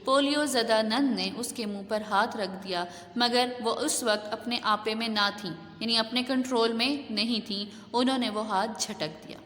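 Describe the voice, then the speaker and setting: A woman's voice: a little high, hardly any pauses, fairly bright tone, a little hiss or hum. A woman teacher reading a story aloud and glossing hard words in simple terms. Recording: echoey room.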